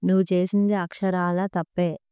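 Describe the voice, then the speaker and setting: A woman's voice: lowish voice, flat delivery, normal speed, clear, resonant tone, no echo, natural voice. A woman reading the part of an angry, mocking husband in a storybook narration. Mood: scornful. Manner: shouting, mocking. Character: angry scornful husband, a clerk.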